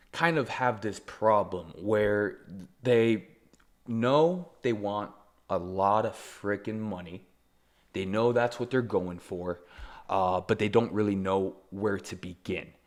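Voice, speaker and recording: Energetic young man hosting a podcast. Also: on the low side, slow pace. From Taiwan. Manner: energetic, emphatic, self-deprecating asides. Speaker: podcast host. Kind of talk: solo motivational podcast monologue.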